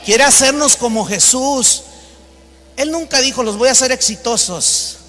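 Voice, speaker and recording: High, bright-voiced Mexican man preaching in a hall. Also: unhurried. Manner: emphatic preaching, acts out quoted exchanges in a raised voice. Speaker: pastor. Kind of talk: sermon. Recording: long reverb of a large hall.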